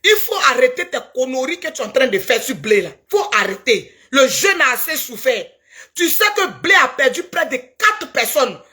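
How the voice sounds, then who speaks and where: A woman's voice: high-pitched, big pitch swings, moderate pace, sharp tone. A woman with an Ivorian French accent delivering a heated, preachy video rant and scolding someone emphatically. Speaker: social media commentator.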